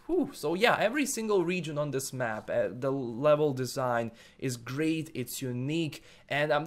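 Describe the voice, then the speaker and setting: A man from Bosnia, hesitantly reviewing a game and answering viewer comments, full of fillers and repeated words. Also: medium pitch. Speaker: gaming YouTuber.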